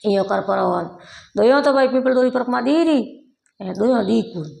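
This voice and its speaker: Woman storyteller with a Marwari accent and a gravelly edge, lively folk tale narration. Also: a little high, measured pace, rough recording. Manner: lively village storytelling, quoting characters.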